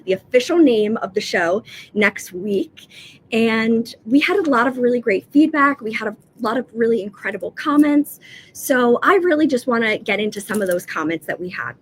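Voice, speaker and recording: A woman's voice: medium pitch, slight background noise. A woman co-hosting a livestream, upbeat and chatty, her voice a little froggy from allergies. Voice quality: slightly froggy. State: congested from allergies. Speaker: co-host. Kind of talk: livestream chat.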